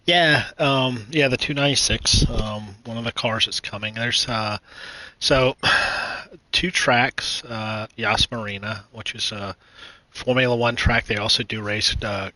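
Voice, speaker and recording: A man from the United States hosting his own gaming channel, chatting casually and rambling with many fillers, restarts and throat clearing. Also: medium pitch, fairly even intonation, a little slow, bright, forceful tone, dry recording, low-quality recording. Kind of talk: casual gaming news chat.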